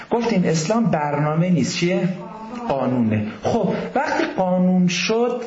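Man lecturing a class, lively, questioning students, slightly high voice, echoey dull classroom recording. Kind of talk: university lecture on religion.

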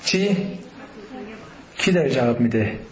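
A man giving a university lecture on religion in a classroom, lively, often posing questions to the class. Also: mid-range voice, roomy sound, highs cut off.

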